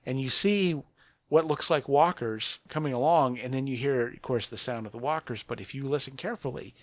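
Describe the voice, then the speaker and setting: A man's voice: mid-range voice, fairly quick, dry recording, clean studio sound. A man co-hosting a podcast, chatting enthusiastically and rambling about geek news. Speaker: podcast co-host.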